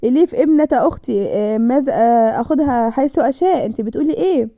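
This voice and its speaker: A woman's voice: on the high side, fast, warm tone, no echo, lightly acted. A woman voicing a pushy bullying uncle who makes demands, with an Egyptian Arabic accent. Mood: demanding. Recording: dull dry lo-fi recording.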